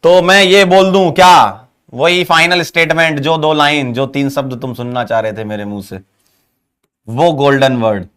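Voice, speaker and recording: Man, chemistry teacher, fairly high voice, coaxing, quizzes students, mix. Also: normal speed, fairly bright tone, smooth. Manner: coaxing, asks students questions and praises them. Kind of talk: online chemistry lesson.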